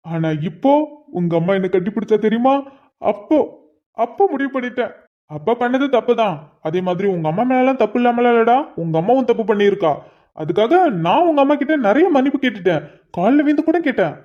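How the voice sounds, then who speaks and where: A man voicing a teasing young husband and father in a cartoon, chatty and full of joking asides. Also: high-pitched. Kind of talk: cartoon voice acting. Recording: dull lo-fi recording.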